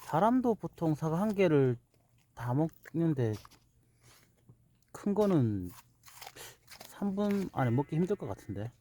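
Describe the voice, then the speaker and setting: A man's voice: on the high side, sing-song, a little slow, pauses often, dark tone, a little hiss or hum. A man casually narrating a homemade pet video outdoors while he films, now and then chatting to the animal. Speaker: vlogger filming own dog. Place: outdoors in an apple orchard.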